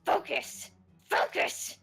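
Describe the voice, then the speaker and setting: A woman's voice: slow, a bit bright. A woman voicing an elderly witch who urgently rallies the others with commands. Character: bossy elderly witch, anxious leader of three.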